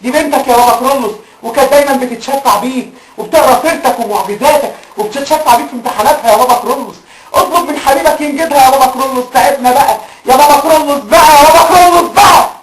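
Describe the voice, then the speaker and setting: A man's voice: very high-pitched, very fast, fairly bright tone. Weary, despairing man. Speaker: father character. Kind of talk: amateur film acting. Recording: echoey, distant, faint noise.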